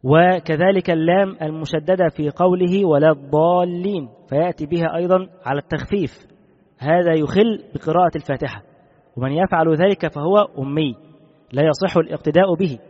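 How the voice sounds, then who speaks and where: Man giving a text lesson on religious law, fairly high voice, dull sound with a long echo. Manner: measured, repeats key rulings. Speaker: Islamic law teacher. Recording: dull recording with long reverb.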